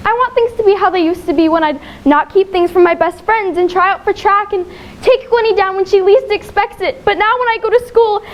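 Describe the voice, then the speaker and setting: Woman voicing a teenage girl, high voice, frank, confiding, faint hiss. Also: rough recording. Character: teenage girl with cancer, defiant.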